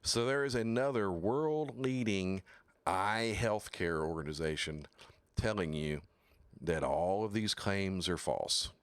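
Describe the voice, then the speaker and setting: This man's voice is clear and resonant, captured in a dry recording. Hosting a casual talk show over livestream, he mocks product claims bluntly, swears, and reads quotes aloud, speaking slowly and deliberately with sudden high exclamations.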